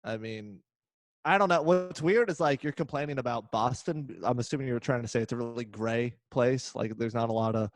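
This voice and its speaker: A man's voice: medium pitch, a little fast, no echo. A man hosting a casual podcast over a video call, sarcastic and swearing freely. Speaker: podcast host.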